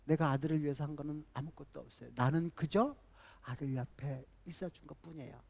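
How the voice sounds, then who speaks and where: A male pastor voicing a quiet, humble father who speaks softly, within a sermon. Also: fairly high pitch, fairly quick, creaky, voice pushed down. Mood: gentle.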